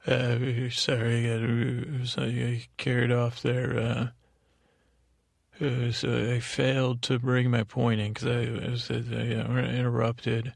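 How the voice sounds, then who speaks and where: In a rambling bedtime monologue for his sleep podcast, this man lulls listeners with a soothing, hesitant, self-deprecating style that keeps drifting off on tangents. His medium-pitched voice is monotone and creaky, he takes it slowly, and there's no echo.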